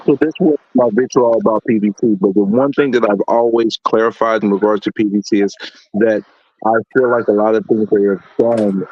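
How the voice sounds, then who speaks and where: A man's voice: lowish voice, slightly rough, dry recording, muffled recording. A man talking emphatically on a podcast panel, his remote call audio choppy and glitchy. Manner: emphatic, makes his point at length. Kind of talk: casual opinionated chat. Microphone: remote call mic, too close to the microphone.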